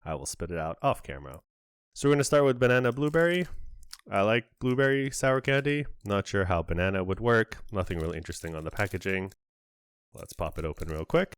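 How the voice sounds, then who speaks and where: A man's voice: lowish voice, animated, brisk, clear, resonant tone, no echo. A man hosting a casual on-camera candy review, chatty and describing each flavor in detail with small asides. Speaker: candy reviewer, channel host.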